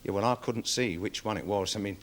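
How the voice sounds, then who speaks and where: An actor playing a nervous, deferential security guard testifying in a 1970s television courtroom drama, rambling with many fillers. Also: male voice, fairly low pitch, brisk, close to an everyday voice. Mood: worried, defensive. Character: nervous security guard witness, dog handler. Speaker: witness in court.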